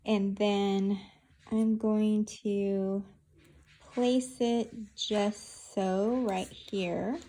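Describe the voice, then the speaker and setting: Slow-paced woman giving a craft tutorial. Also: medium pitch, steady tone, mellow. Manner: unhurried, narrating each hand movement as she works. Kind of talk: casual step-by-step craft demonstration.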